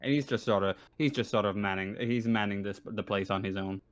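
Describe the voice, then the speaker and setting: Recorded with no room sound, a fairly low-voiced man serves as a tabletop game master. His improvised narration comes out halting and stammered, with frequent rephrasing.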